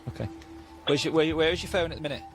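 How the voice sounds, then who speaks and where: A man's voice: a little high, racing. A man, a traffic officer talking casually and matter-of-factly on the job. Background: music and vehicle sound.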